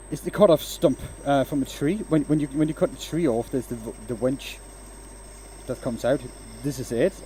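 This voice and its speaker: In his home workshop, a man originally from Denmark turns wood on a lathe and chats casually with livestream viewers, hesitating often and restarting his sentences around frequent fillers. His voice is medium-pitched and mellow, over a faint hiss or hum.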